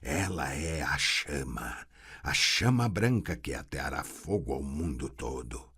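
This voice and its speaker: A man's voice: very deep voice, very animated, bright, forceful tone, breathy edge, heavily acted. A man doing a cold inhuman metallic voice. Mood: menacing scorn. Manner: slow, cruel, scornful.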